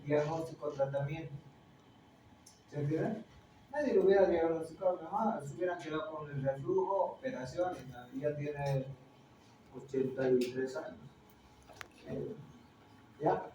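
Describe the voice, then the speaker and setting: A middle-aged man with a Peruvian accent lecturing a classroom, a touch higher-pitched than most men. He keeps firing tag questions at his students between points. The room is very echoey and he sits well away from the mic, with a faint hiss behind. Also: mellow, recorded from a distance. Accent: Peruvian Spanish. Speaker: teacher.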